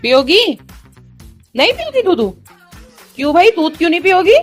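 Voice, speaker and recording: A high-pitched woman talking at home, switching between coaxing her little children and scolding them with playful threats. Between the kids' squabbles she chats casually to the camera, with faint music underneath. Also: sing-song, moderate pace. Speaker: mother vlogging her day with three young children. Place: at home, indoors.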